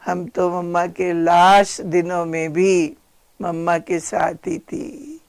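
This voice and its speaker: An older woman, a spiritual sister, gently and reverently shares memories of her teacher in a slow devotional reminiscence. Her voice is on the low side, with no echo.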